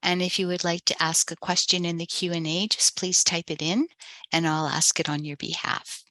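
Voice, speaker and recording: A woman's voice: fairly low pitch, fairly even intonation, moderate pace, sharp tone, no room sound. A woman moderating a virtual library talk, giving procedural directions in an organized way. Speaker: event moderator.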